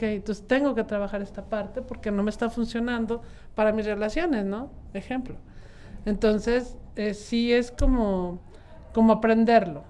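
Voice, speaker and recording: A woman's voice: fairly high pitch, darkish tone. A woman in her thirties with a Mexican accent, talking reflectively and rambling with many fillers in a casual group chat.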